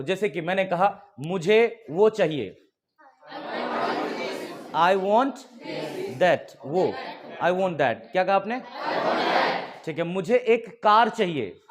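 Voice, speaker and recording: A man's voice: sits high, slight background noise. A man with an Indian accent teaching English to a class, mixing Hindi and English, often laughing and quizzing the students. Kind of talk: classroom lesson in Hinglish.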